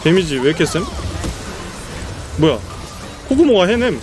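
A male streamer commentating his own live game stream, excitable and profane, laughing often. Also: sits high, moderate pace, over music.

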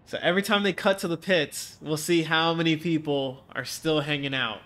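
Streaming a racing game from home with a stuffy nose, a young man casually talks with his viewers, reading out chat and joking along. His voice is a little high, bright, and steady, with a forceful tone at a moderate pace, captured by a desk mic in webcam framing.

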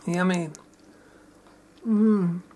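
A woman's voice: on the low side, fairly even intonation, very slow, dark tone. A woman talking in a casual cooking vlog in a shearing shed kitchen, chatty and enthusiastic, savoring each taste aloud. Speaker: home gardener and cook.

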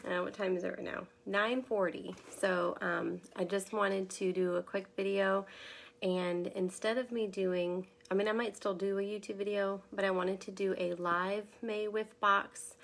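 Congested woman, chatty product consultant, gravelly fry in her voice, rambling delivery. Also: mid-range voice, fairly even intonation, unhurried. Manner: chatty and rambling, with many ums. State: congested from a sinus infection. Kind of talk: casual live unboxing chat.

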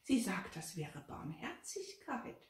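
A woman voicing a frightened, timid young maid who stammers in a trembling, breathy way. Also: fairly low pitch, very animated, slow pace. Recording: roomy, from a distance.

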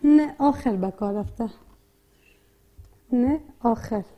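A woman teaching a reading lesson with an Afghan Dari accent, slowly breaking words into syllables and sounds and repeating each one. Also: a little high, mellow. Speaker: primary school teacher. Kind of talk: slow, repetitive literacy lesson.

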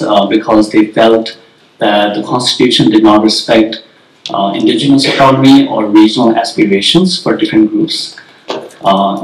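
A young man from Nepal asking a careful question from the audience, with many hesitant pauses. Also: fairly low pitch. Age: young adult. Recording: echoey hall.

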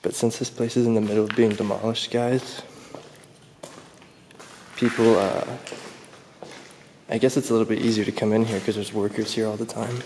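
Exploring a large empty abandoned building, a young vlogger chats curiously to his viewers via a handheld camera mic, with background noise audible. His voice sits on the low side, flat and at normal speed, broken by long pauses.

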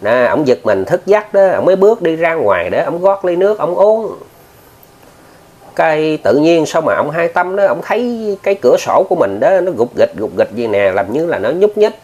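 A man's voice: fairly high pitch, very animated, moderate pace, a little mellow, dull audio. A man with a Southern Vietnamese accent telling a ghost story in a casual, chatty way, often turning to his listeners and using many filler words. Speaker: ghost story narrator, channel host.

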